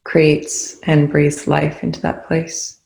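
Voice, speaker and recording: Long pauses punctuate the short, gentle instructions of a meditation guide whose voice is distinctly creaky. The pitch is low-key and changes little. Reverberation from the room clearly wraps around the words.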